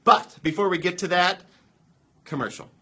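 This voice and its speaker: A man hosting a book talk show with excited, laughing hype. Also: high-pitched, normal speed. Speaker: host.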